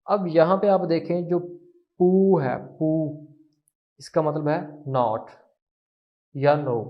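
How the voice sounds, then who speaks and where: Slow, patient male teacher. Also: a little high. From Pakistan. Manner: slow, patient, repeats phrases for drill. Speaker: language teacher. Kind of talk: language lesson explanation. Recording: muffled lo-fi recording.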